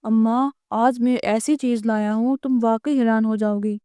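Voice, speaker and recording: A woman's voice: fairly high pitch, fairly even intonation, dark tone, smooth, no echo, clean studio sound, lightly acted. A woman reading the part of a lazy, simple young man. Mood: eager.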